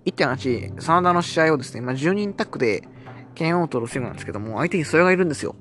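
A podcast host reviewing wrestling shows talks very fast in a fairly high, slightly bright voice with lively intonation. On his casual solo show he chats through events and recaps promos, sometimes lightly mimicking what others said.

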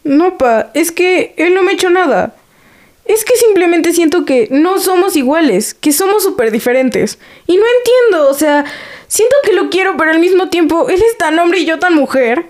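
A woman's voice: very high-pitched, animated, normal speed, a little mellow. An actress playing a sulky teenage daughter upset about her boyfriend, with a Mexican Spanish accent. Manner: sulky, reluctant.

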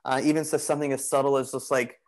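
A relaxed man of Greek heritage, a bodywork practitioner, rambles as a podcast guest in a casual conversational interview. He has a mid-range voice and talks fast, dropping in lots of "you know" and "like."

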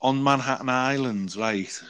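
A man chatting casually, telling an animated travel story and acting out the people in it. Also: medium pitch, a little slow, clean tone. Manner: animated storytelling with quoted voices, swears. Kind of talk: casual chat.

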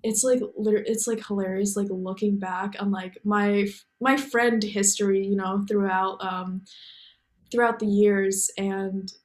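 With a measured pace and fairly even intonation, a young woman from the US chats as a guest in an informal interview. Her medium-pitched speech wanders, constantly filled with "like" and "you know."

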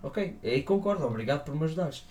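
A man's voice: a little high, quick pace. Slangy young Portuguese man telling stories. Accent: European Portuguese. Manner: slangy, animated, voices the people in his stories. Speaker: podcast co-host. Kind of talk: casual storytelling chat.

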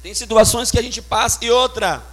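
A man's voice: very high voice, fairly quick, a bit bright. A man preaching a sermon, emphatic and storytelling with sound effects. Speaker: pastor.

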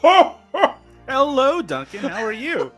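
A man's voice: extremely high pitch, wildly swooping pitch, extremely slow, music in the background. A man from Newfoundland chatting casually and jokily about films as a podcast guest. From Newfoundland, Canada. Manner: jokey, chuckling talker. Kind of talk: casual film discussion.

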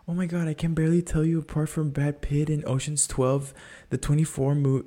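Guy whispering his podcast intro real quiet at night, casual and hushed. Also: on the high side. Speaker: podcast host.

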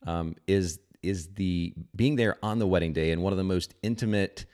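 Deep-voiced man hosting an interview. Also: normal speed, darkish tone. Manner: friendly, repeats words when starting sentences. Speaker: podcast host. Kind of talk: casual interview chat.

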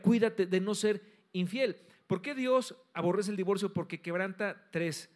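A middle-aged man preaching a sermon as pastor, emphatic, swinging between loud stresses and soft drops. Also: fairly high pitch.

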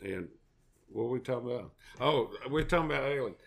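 A man's voice: mid-range voice, lively intonation, brisk, gravelly. A middle-aged man with a Southern US accent, chatting in a rambling, down-home way as a podcast co-host. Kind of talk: folksy casual chat.

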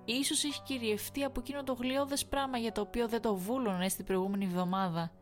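A woman's voice: on the high side, fairly even intonation, soft background music, close to an everyday voice. A woman voicing a flippant young nurse coworker who teases and mocks in a sarcastic manner. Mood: teasing. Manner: teasing, sarcastic. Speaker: night-shift nurse.

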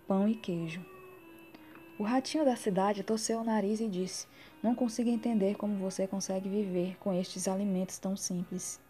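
A woman volunteer reads children's fables in a steady, plain voice of middle pitch. Clear music plays behind her throughout. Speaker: volunteer reader.

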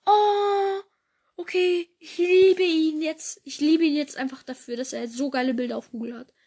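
A young woman hosting a fan podcast, chatting casually and gushing excitedly as she reads through a list. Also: high-pitched, moderate pace. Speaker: podcast host. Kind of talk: casual fan chat reading from a wiki.

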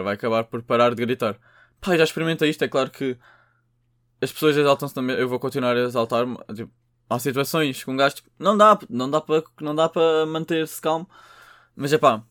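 A man's voice: a little high, fairly bright tone, no room sound, clean studio sound. A young man with a European Portuguese accent, rambling through a casual podcast monologue, full of slang, swearing and filler words. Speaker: podcast host.

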